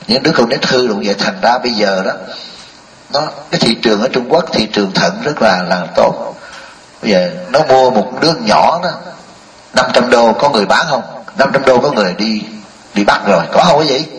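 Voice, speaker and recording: A man, a Buddhist monk giving a folksy, joking sermon and firing rhetorical questions at a live audience. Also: on the low side. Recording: echoey hall, mic at a distance.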